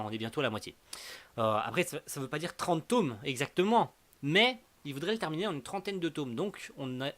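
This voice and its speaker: A man's voice: medium pitch, fairly bright tone. A young man casually reviewing the month's manga to camera, rambling with many fillers and teasing his viewers.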